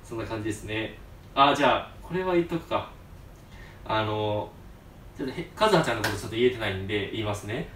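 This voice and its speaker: 関西弁で熱っぽく語る男性ホスト. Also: male voice, on the low side, quick pace, a little hiss or hum. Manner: excitable, acts out scenes in voices, laughs often. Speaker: host. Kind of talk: casual fan talk. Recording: roomy echo, distant mic.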